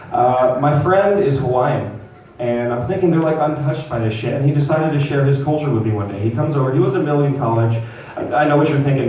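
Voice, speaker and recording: A man's voice: on the high side, a little mellow, very echoey, far from the mic, slight background noise, low-quality recording. A young man doing a crude, rambling stand-up comedy set at a comedy club and talking back to the crowd. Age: young adult.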